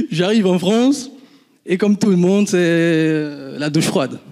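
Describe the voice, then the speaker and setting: Beninese man telling lively stories. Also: sits high. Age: 30s. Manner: animated storytelling, laughs often, swears casually. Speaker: guest entrepreneur. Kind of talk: casual talk to an audience.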